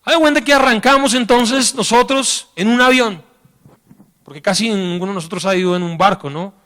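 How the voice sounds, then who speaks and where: A man's voice: high-pitched, brisk. A man preaching a sermon in a church, talking in a colloquial way and acting out the stories he tells. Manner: colloquial, animated storytelling with acted quotes.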